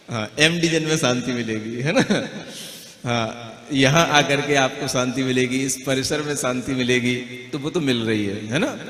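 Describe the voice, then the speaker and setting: A man's voice: mid-range voice, fairly bright tone, slight background noise. A man, a Jain monk, giving a conversational devotional discourse and teaching a group how to pronounce verses, often checking in with the listeners. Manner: conversational, keeps asking "है ना?", models verse pronunciation slowly. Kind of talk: devotional discourse and recitation lesson. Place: large hall with a gathering. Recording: echoey hall with long reverb.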